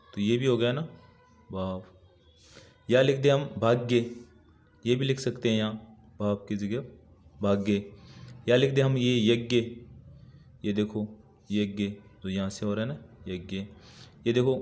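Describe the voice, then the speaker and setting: A man's voice: mid-range voice, darkish tone. A male teacher going through workbook answers, patiently repeating each word as he writes it and explaining.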